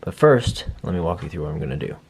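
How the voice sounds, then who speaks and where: Low-voiced man chatting through a PC build. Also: expressive, fast talker, a little mellow, breathy edge. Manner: chatty, self-deprecating, thinks aloud. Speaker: vlogger building a PC. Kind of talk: casual hands-on walkthrough.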